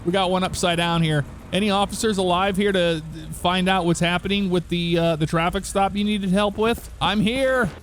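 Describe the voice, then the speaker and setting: A man's voice: high-pitched, little pitch movement, normal speed, a little hiss or hum. Joking man narrating a game. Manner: joking, talks to game characters. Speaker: gaming YouTuber. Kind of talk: casual let's-play commentary.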